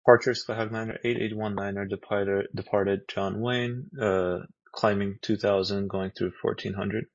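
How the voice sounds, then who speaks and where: A man's voice: lowish voice, flat delivery, normal speed, few pauses, no echo, dull audio. A man as a pilot over the radio, giving terse, clipped readbacks to air traffic control. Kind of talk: aviation radio calls. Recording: band-limited radio transmission.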